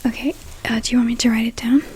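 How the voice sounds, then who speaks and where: A woman in a whispered ASMR role-play as a librarian, whispering softly and a little hesitantly as if to a visitor in a library. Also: fairly high pitch, little pitch movement, quick pace, a little hiss or hum. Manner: soft whispering, hesitant, gently attentive to an imagined visitor.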